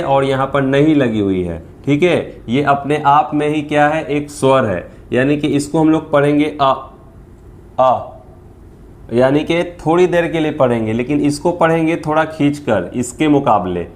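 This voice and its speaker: A man teaching a beginner lesson on the Hindi vowel signs, patiently repeating each sound and checking that students follow. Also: fairly high pitch.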